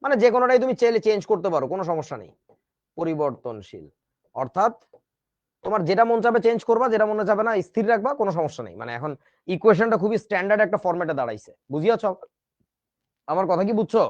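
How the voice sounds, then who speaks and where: A man's voice: sits high, very animated, very fast, dry recording, highs cut off. Chatty man teaching chemistry. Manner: chatty, joking asides to students. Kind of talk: casual online class lecture.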